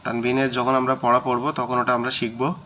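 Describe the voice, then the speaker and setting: A man's voice: mid-range voice, monotone, a little fast, bright, forceful tone, slight background noise. A man teaching a Quran reading class, explaining vowel marks and drilling syllables, repeating each word three times. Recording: slightly dull lo-fi recording.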